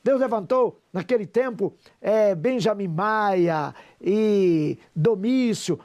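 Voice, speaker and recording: Gravelly Brazilian pastor in his sixties. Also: high voice, slow pace, a little mellow, muffled recording. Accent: Brazilian Portuguese. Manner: emotional, preacher-like storytelling. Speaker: pastor and businessman. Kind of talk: fervent personal testimony.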